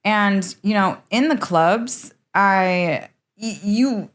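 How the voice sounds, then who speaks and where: A woman's voice: medium pitch, drawn-out words. A woman from Michigan, a podcast guest telling her life story frankly in a chatty way, with lots of "like". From Michigan, USA. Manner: frank, chatty, heavy use of "like". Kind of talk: candid interview storytelling.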